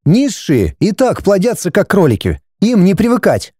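A man voicing a haughty, scornful aristocratic wife and mother in an audiobook, raising his voice into a high, dismissive tone. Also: wildly swooping pitch, moderate pace, mellow, slightly rough, dry recording, clean studio sound, exaggerated voice. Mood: indignant. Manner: shrill, dismissive, indignant.

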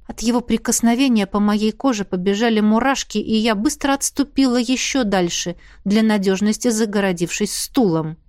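A woman narrating a fantasy audiobook in the first person, reading in a measured, expressive way. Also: medium pitch, no room sound, clean studio sound.

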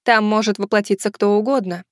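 A woman voicing a calm, knowing young fox woman in an audiobook, explaining things in a composed tone. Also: mid-range voice, fairly quick, no room sound, studio quality, close to an everyday voice. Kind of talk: audiobook character voice.

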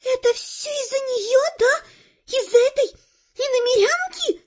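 A woman's voice: measured pace, a little mellow, lo-fi sound. A woman voicing a pretty, hysterical young air mage who pleads through tears and shrieks in an audiobook. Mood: shrill angry. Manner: tearful, shrill, pleading. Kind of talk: audiobook character voice.

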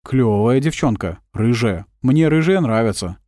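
A man voicing a young male agent in his twenties who asks plain, earnest questions at an unhurried pace. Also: medium pitch, lively intonation, dark tone, no room sound, studio quality, lightly acted. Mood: curious.

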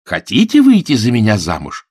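A man's voice: fairly low pitch, big pitch swings, fairly quick, husky, no echo, clean studio sound. A man voicing an impulsive young man in love who talks eagerly and keeps pressing his point. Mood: insistent. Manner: eager, insistent, repeats himself.

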